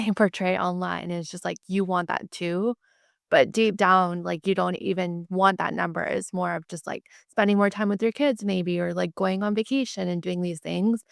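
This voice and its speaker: A woman hosting a podcast, chatting in a relaxed, agreeable way with "like" fillers. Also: on the low side, gravelly, dry recording, clean studio sound. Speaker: podcast host. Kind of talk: casual podcast conversation.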